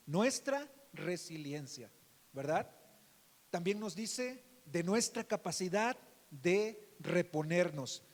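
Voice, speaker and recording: A high-pitched male pastor, Mexican Spanish accent, delivers a sermon in a church where his voice trails off in a long reverb tail. He addresses people as "beloved brother," keeps asking "right?", and alternates between forceful emphasis and quiet asides.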